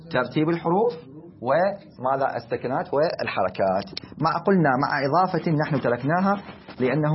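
A man with an Iraqi accent teaching a class, speaking deliberately and asking and answering his own questions. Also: a little high, dull audio. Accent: Iraqi Arabic. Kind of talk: classroom lecture.

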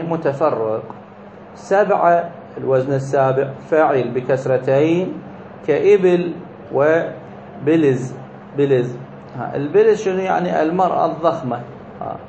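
Male teacher, somewhat high voice, methodical explainer, slightly muffled echoey room sound. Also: darkish tone, a little hiss or hum. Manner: explains step by step, asks and answers his own questions. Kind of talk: grammar lesson explaining a text.

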